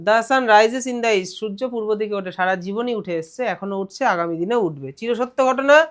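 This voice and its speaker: A male teacher with a Bengali accent leads a classroom grammar lesson. He reads English phrases out slowly, then explains them briskly, and keeps posing questions to his students. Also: high voice.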